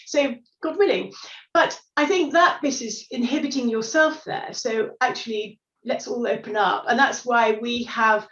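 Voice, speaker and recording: Her voice is a little high and fairly bright, with a measured pace. She's in her sixties, appearing as an unretirement expert, and talks casually and encouragingly, often saying "you know" and "sort of", in audio that's roomy, distant and muffled.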